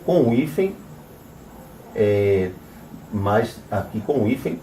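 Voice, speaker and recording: Slow, mellow-voiced man teaching in an echoey room. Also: on the low side, animated, a little hiss or hum. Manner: spells out letters and vowel marks one by one, asks "right?" after nearly every phrase; emphatic when denouncing false claims. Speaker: rabbi teaching a class. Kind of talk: religious lesson on Hebrew names. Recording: echoey room, mic at a distance.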